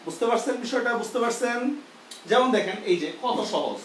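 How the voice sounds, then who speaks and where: A male grammar teacher teaches a live class, checking often that his students follow. His voice sits high for a man. He sounds set back from the mic in an echoey room with faint background noise. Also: lively intonation, a little fast, recorded from a distance. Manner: explains step by step, often asking "do you understand?". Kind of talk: live online lesson.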